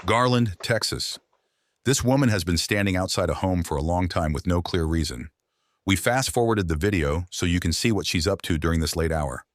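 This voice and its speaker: A man with a very low voice delivers scripted clip narration. The sound is close and dry, like a studio voice-over. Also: normal speed, no room sound. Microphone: close dry voice-over mic.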